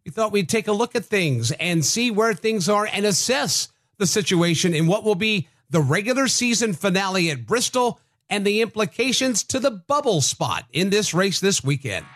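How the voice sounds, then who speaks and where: A man's voice: high voice, lively intonation, normal speed, a bit bright. A man hosting a sports radio show, presenting from a script.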